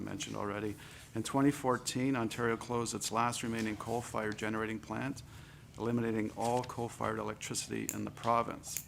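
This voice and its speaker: A man, a deputy minister, giving formal committee testimony in a low-key, monotone delivery. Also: vocal fry, slight background noise. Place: legislative committee room.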